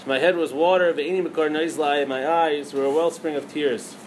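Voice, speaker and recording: A man with a high-pitched voice teaches a Torah lesson, weaving Hebrew terms into plain English. He tells a parable and keeps asking his listeners questions. A faint hum sits under the recording. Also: steady tone, moderate pace, low-quality recording. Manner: storytelling with rhetorical questions, many Hebrew terms. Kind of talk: teaching a lesson on liturgical poems.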